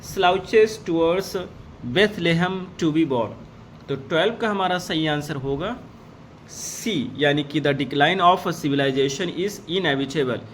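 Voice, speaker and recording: A man with a slightly high voice gives an exam-prep lesson. He reads multiple-choice questions aloud in slowly and deliberately, then explains each answer in a brisk, conversational way. Faint background noise sits under his voice. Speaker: teacher.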